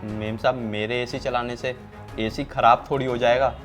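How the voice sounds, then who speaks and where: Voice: medium pitch, steady tone, moderate pace, close to an everyday voice. A performer acting a timid male household servant who pleads and apologises in a short drama skit. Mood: pleading. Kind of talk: scripted Hindi skit acting. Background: loud background music.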